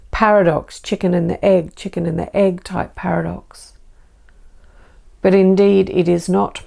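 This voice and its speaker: An Australian woman speaking as a benevolent spirit entity in a channelled spiritual message, slow and formal with repeated phrases. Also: lowish voice, creaky, mellow.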